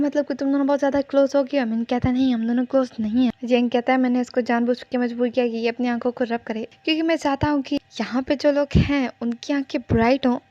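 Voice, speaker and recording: High-voiced woman retelling a story. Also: warm tone, dry recording, lo-fi sound. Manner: retells scenes line by line, quoting each character plainly. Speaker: series recap narrator. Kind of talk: casual plot-recap narration.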